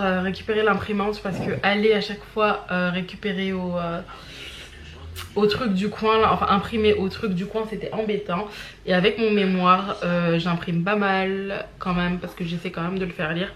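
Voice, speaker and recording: A woman's voice: mid-range voice, roomy sound, noisy background. A young woman, a student chatting casually in a home vlog with many fillers. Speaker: student vlogger. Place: home, indoors.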